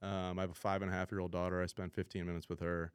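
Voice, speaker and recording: A man's voice: low voice, flat delivery, racing, clean tone, no room sound, studio quality. A man answering casually as an interview guest, a company founder talking in informal business speak.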